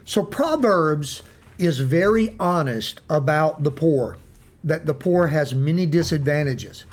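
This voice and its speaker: A man's voice: fairly high pitch, lively intonation, slow pace. A man with an Appalachian accent giving an informal devotional talk as a Bible teacher, in a folksy, plain-spoken way. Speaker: Bible teacher and church host.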